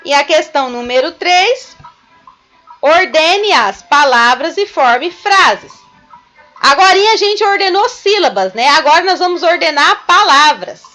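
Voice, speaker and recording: Bright high-voiced teacher woman. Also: lively intonation. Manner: slow, patient step-by-step explaining to young children. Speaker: primary school teacher. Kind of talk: recorded remote class lesson.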